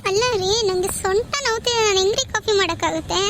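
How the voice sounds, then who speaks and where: A woman's voice: extremely high pitch, quick pace. A woman voicing both a young wife and a meddling aunt in a comedy cartoon, chatty and gossipy by turns.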